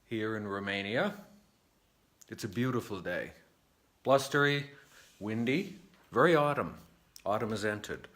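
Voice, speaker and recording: A man from New England giving a slow, deliberate spiritual monologue to his viewers, moving between lively and hushed passages. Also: lowish voice. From New England, United States. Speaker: vlogger.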